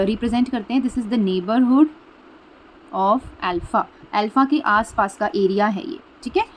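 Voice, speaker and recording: A woman maths teacher walks through a lesson at an easy, patient pace. She repeats each key idea and checks that listeners follow, slipping English terms into her explanation. Her voice sits a little higher than most women's. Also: darkish tone, low-quality recording. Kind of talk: explaining a math lesson at a board.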